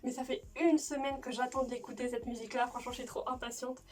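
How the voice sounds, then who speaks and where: A woman's voice: high-pitched, level tone, fast talker, a little mellow, distant mic. A young woman with a slushy lisp on her s sounds, chatting casually and gushing in informal slang as a reaction video host. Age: late teens, young adult. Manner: stiff upper lip from mouth swelling. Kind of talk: casual excited video chat.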